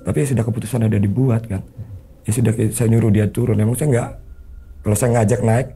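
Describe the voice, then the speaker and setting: A man's voice: lowish voice, steady tone, quick pace, dark tone, breathy edge. A man telling a story as an interview guest, earnestly acting out the remembered dialogue. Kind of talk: conversational storytelling.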